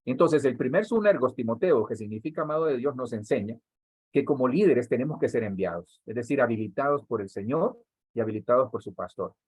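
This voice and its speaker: A Honduran man preaching a teaching sermon to church workers in a slightly husky, middle-pitched voice. He talks straight to his listeners, often repeating a word to build emphasis. The sound is dry and close, with little room echo. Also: expressive, fairly quick, darkish tone. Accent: Honduran Spanish. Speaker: pastor.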